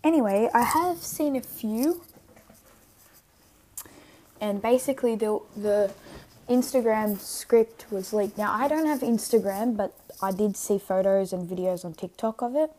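A young woman sick with tonsillitis, chatting casually and haltingly on a solo podcast, rambling and interrupting herself. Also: medium pitch, animated, warm tone. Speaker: podcast host.

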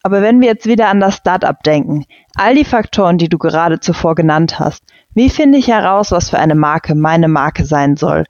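Female interviewer, structured and clear questions, lo-fi dull recording. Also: lowish voice, lively intonation, moderate pace, hardly any pauses, a little mellow, dry recording.

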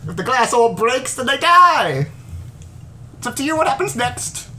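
Man putting on a high, sing-song cruel dungeon mastermind. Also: sing-song, normal speed, pushed and bright, slight background noise, heavily acted. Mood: gleefully menacing. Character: gleefully cruel dungeon mastermind welcoming victims to challenges.

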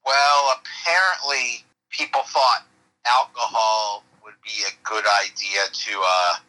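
A man from Pittsburgh chats as a podcast guest, unhurried and easygoing. His voice sits in a middle range and sounds strikingly bright and sharp. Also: medium pitch, steady tone, low-quality recording. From Pittsburgh, USA. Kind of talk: casual chat.

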